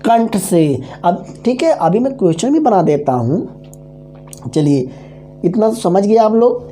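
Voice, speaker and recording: A man's voice: sits high, very animated, dark tone, a little hiss or hum. A man teaching an online exam-prep grammar lesson, drilling syllables and chanting memory formulas while checking that students follow. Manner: drills syllables slowly, keeps checking understanding; repeats mnemonic formulas aloud.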